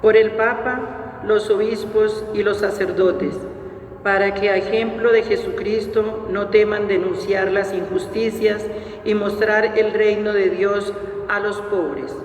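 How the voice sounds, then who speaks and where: A man with a high voice leads the prayers of the faithful in a slow, even recitation that hardly rises or falls. He sounds far from the mic, wrapped in a long cathedral echo, with faint noise underneath. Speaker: lector reading the prayers of the faithful. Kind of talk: liturgical reading at Mass. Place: large church during Mass. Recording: echoey church hall from far off, faint noise.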